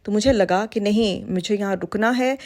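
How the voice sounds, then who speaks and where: A middle-aged woman talks to her viewers as a vlogger, telling a personal story. Her voice sits at an ordinary middle pitch. She sounds earnest and heartfelt, and she drops English words into her casual storytelling. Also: darkish tone.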